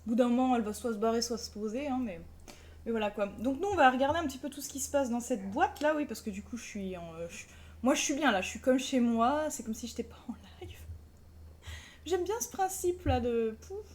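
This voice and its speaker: A woman's voice: on the high side, lively intonation, a little fast, a little mellow. A woman chatting casually and playfully as a live streamer, colloquial and sweary, often cooing affectionately. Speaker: live streamer, craft vlogger.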